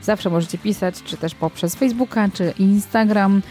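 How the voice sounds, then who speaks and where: A woman's voice: mid-range voice, normal speed, a little mellow, faint music behind. A woman hosting an informal podcast, speaking hesitantly and repeating words for emphasis. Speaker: podcast host. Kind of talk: informal podcast interview and sign-off.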